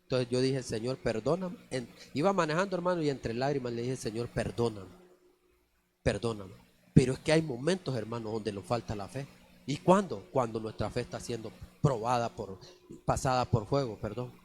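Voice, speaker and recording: A man's voice: mid-range voice, fairly quick, a little mellow, slight background noise. A man preaching a conversational church sermon, often calling the listeners brother. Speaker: lay preacher. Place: church sanctuary.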